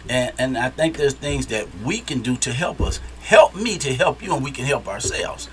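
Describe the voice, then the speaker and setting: A man's voice: mid-range voice, expressive, moderate pace, a little hiss or hum. Emphatic Detroit man as guest. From Detroit, USA. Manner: emphatic, repeats himself for stress. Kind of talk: casual interview talk.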